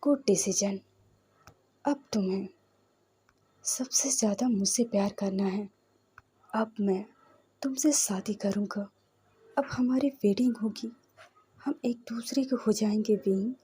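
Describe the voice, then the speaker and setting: Casting: woman reading a possessive man of thirty, husky half-whisper, mellow tone, commanding. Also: mid-range voice, slow, long pauses. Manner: intense, commanding.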